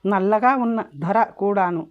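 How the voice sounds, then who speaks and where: A woman's voice: mid-range voice, a little slow. A woman narrating an audiobook in a plain storytelling manner. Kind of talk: storybook reading. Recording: dull lo-fi audio.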